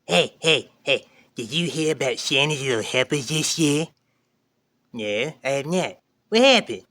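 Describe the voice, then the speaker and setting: A man's voice: mid-range voice, animated, measured pace, bright, forceful tone. A man voicing a corny puppet comic, trading setup-and-punchline banter in a comedy act. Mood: corny, playful. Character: corny joke-telling male puppet comic.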